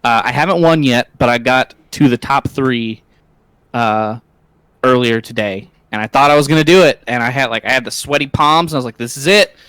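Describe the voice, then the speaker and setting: A man chats informally on a gaming livestream. His voice is crisp and resonant, recorded dry, and he sounds amused at himself. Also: medium pitch, fairly quick, a bit bright, dry recording. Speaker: livestream panelist. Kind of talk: casual gaming chat.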